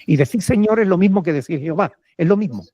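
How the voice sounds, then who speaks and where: Male Peruvian pastor, teacherly Q&A answers, warm dark tone, dry close sound. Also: high-pitched, lively intonation, fast, no room sound. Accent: Peruvian Spanish. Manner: explanatory, often checks with "¿ok?". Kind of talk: answering questions in a church Q&A.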